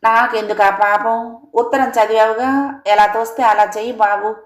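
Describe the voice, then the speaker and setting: A woman doing a slow, scolding old mother-in-law. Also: a little high, fairly even intonation, echoey room, voice pushed up, natural voice. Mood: chiding. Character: elderly mother-in-law, fond of her sons.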